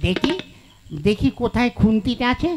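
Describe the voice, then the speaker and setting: A man's voice: extremely high pitch, normal speed, a little mellow. A man voicing a fiery, jealous middle-aged mother in a folk puppet show, scolding shrilly. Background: tabla and folk music.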